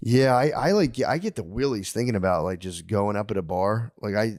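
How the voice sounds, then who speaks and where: A man's voice: on the low side, lively intonation, fairly quick, darkish tone, no echo, clean studio sound. A man, a comedian on a podcast, rambling through profane stories in casual chat.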